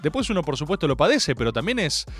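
Animated Argentine radio host, high and lively. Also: male voice, quick pace, husky. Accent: Argentine Spanish. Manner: animated, jokey, rambling storyteller. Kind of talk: casual radio monologue.

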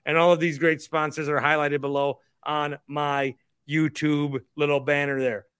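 A drunk man hosts a fan livestream in a bright, forceful voice, pitched a little high. He rambles and swears with exasperation, and the sound is close and dry. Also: little pitch movement, normal speed, clean tone, no echo. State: drunk, tipsy. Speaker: host of a sports fan livestream. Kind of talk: rambling livestream rant about basketball.

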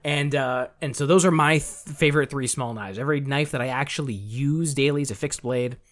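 A man's voice: mid-range voice, brisk. Agreeable man on a podcast. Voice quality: agreeable, affirming, reads listener questions. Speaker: podcast co-host. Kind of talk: casual podcast chat.

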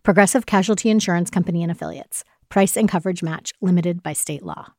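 A woman's voice: fairly low pitch, fast, a little mellow, dry recording, clean studio sound. A woman reading a podcast ad in a friendly, upbeat tone. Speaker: ad reader.

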